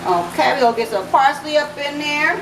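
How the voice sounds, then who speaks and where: Speaking briskly in a high register, this cooking channel host runs a laid-back vlog from her own kitchen and addresses viewers as "y'all" and "baby." The audio is echoey, with noise in the background.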